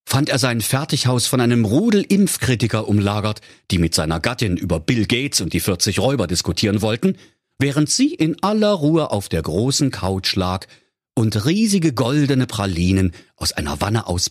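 A man's voice: medium pitch, big pitch swings, moderate pace, no room sound, clean studio sound. A man narrating a parody fairy tale in a mock-solemn storybook manner.

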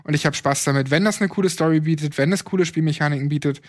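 Male co-host of a casual gaming chat, animated, rambling, slightly high voice. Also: racing. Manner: animated, rambling, many fillers. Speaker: podcast co-host.

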